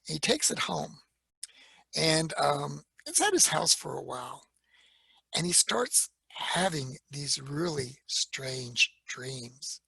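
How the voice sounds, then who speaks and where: Man, storyteller at a library talk: gravelly and husky, lively pitch, drops into quoted voices. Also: slow, no echo. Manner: animated retelling with quoted voices and fillers. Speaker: speaker giving a library talk.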